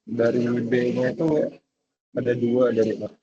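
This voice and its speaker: A man's voice: medium pitch, monotone, measured pace, mellow, breathy edge. A man, a student, giving short answers in a tutoring session heard over an online call. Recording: muffled, distant call audio.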